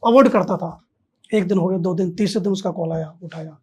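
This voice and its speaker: A man's voice: high-pitched, a little fast, warm tone, breathy edge. A man, a podcast guest, telling a story in casual conversation and acting out both sides of the dialogue.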